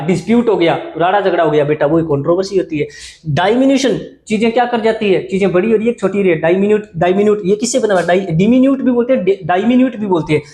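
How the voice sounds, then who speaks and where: A male English teacher with a high-pitched, darkish voice and a roomy sound leads an exam-prep vocabulary lesson. He explains in Hindi mixed with English terms, often repeating words and checking with students by asking "okay?"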